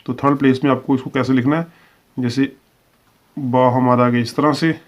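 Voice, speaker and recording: A man's voice: medium pitch, steady tone, normal speed. A man teaching a shorthand lesson, explaining each example patiently and repeating his phrases, drawing out the example words. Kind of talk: step-by-step video lesson. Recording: dull, lo-fi recording.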